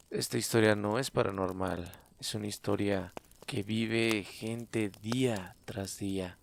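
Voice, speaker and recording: A man hosting and narrating a dark story, adding his own commentary. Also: fairly low pitch, vocal fry, a little hiss or hum. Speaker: storyteller and host.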